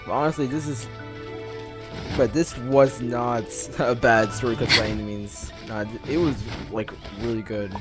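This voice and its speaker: Streaming a game, a man offers casual reaction commentary that rambles and often repeats itself. His mid-range voice holds a steady tone at normal speed, with loud game music playing behind him.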